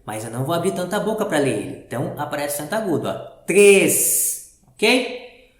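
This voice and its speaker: A male teacher walks young pupils through a reading lesson, patient and step by step. His pitch rises and falls in a lively way as he quizzes the class. The recording sounds roomy and echoey. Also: quick pace. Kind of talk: primary school reading lesson. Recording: roomy echo.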